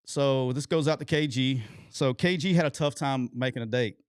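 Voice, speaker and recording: A man, telling a long, animated and profane story as a podcast co-host. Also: medium pitch, normal speed, clean tone, dry recording, studio quality. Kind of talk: casual storytelling chat.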